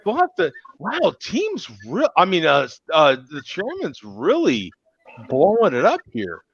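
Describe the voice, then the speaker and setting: A man's voice: high-pitched, wildly swooping pitch, unhurried, breathy edge, dull audio. A man in his fifties hosting a casual live web show over a video call, joking and teasing his regulars, often repeating words when he gets going. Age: 50s. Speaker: show host.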